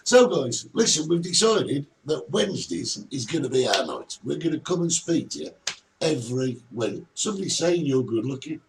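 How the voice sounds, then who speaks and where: A man's voice: medium pitch, very animated, moderate pace. A middle-aged man co-hosting a casual live-stream chat, joking and reading out viewer comments. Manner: chatty, jokey, reads out viewer comments. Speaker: co-host of a live social media chat. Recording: distant mic with faint background noise.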